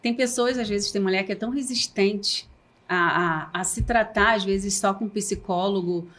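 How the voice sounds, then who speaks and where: A woman's voice: medium pitch, normal speed, a bit bright. A woman with a Brazilian Portuguese accent, a podcast guest speaking earnestly and emotionally about her own life, with many restarts. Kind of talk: candid personal talk show conversation.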